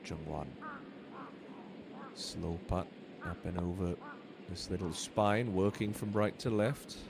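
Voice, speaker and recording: Male golf commentator, low voice, measured live play-by-play, loud background noise. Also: creaky. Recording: loud ambient noise throughout.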